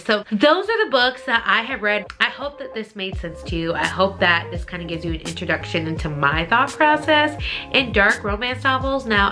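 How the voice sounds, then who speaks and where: This channel host reviews books in a loose, gushing style, hammering points home through repetition. She speaks at a medium pitch with a sharp tone.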